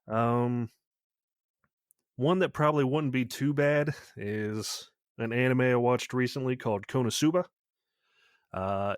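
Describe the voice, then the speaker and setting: A man's voice: mid-range voice, no echo, studio quality. Man leaving a rambling voicemail. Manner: rambling, casual, with many "uh" fillers. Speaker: caller to a podcast.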